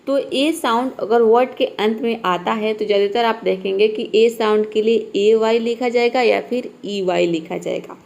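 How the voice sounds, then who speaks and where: A woman's voice: on the high side, normal speed, vocal fry, hardly any pauses, darkish tone. A woman teaching English spelling rules, explaining patiently and repeating each point with questions she then answers. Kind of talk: spoken English lesson.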